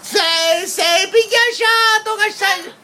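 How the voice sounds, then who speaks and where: High-pitched Sicilian woman, slow and bright. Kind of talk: chatting with a pet bird.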